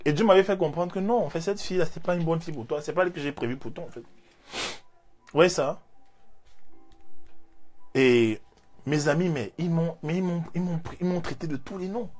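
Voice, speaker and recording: A man, giving an animated, repetitive motivational faith talk as a life coach. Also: a little high, a little fast, pauses often, faint music behind. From Cameroon. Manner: animated, repeats phrases, leans on fillers.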